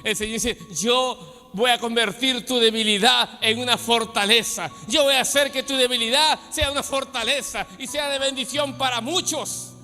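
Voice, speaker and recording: A man from Peru preaching a sermon as pastor, with dramatic swings from soft asides to shouting. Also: extremely high pitch. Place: church hall. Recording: long church hall reverb with faint music.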